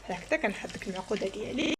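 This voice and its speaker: In a cooking tutorial voice-over for her home cooking channel, a Moroccan Arabic-accented woman chattily explains every step of a recipe while working in her kitchen. Her medium-pitched voice is expressive and racing, over a noisy background.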